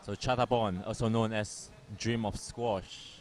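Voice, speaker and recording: A man's voice: fairly low pitch, fairly even intonation, a little slow, slight background noise. A man giving easygoing live commentary on a squash match, often asking his co-host questions. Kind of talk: casual live sports commentary.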